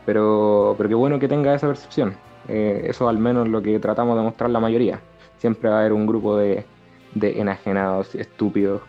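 Chatting casually as a talk show co-host, a man with a Chilean Spanish accent speaks in a lowish, dark voice. Background music plays, and the lo-fi audio sounds slightly dull.

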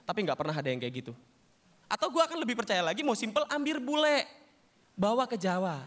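A young man performs a stand-up set in a very high, bright voice. His delivery is loose, slangy banter that keeps slipping into acted-out scenes. He laughs along between the jokes. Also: very animated, a little fast. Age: young adult. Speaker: stand-up comedian.

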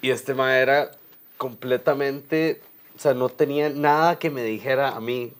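Costa Rican male, mid-pitched, casual slangy storyteller who plays out both sides of conversations. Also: fairly even intonation, clear, resonant tone. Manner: slangy, halting, acts out dialogue.

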